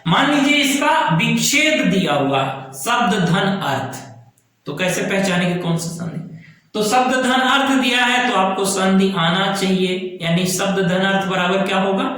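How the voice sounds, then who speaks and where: A man teaching a grammar lesson, explaining slowly and repeating key terms while checking that students follow. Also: high voice, bright, forceful tone. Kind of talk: classroom lesson. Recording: very echoey room.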